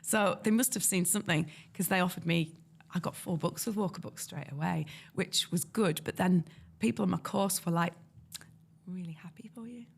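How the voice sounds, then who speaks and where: This guest illustrator from North East England has a fairly low voice with vocal fry and a moderate pace. Telling stories in a laid-back interview with her North East accent, she stays lively and acts out the voices she quotes.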